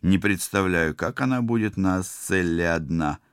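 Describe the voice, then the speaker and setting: Dude doing a snarky young pilot, grumbly, gravelly voice, dry sound. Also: male voice, sits low, normal speed, no echo. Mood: sardonic. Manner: sarcastic, grumbling. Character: sardonic young male starship pilot.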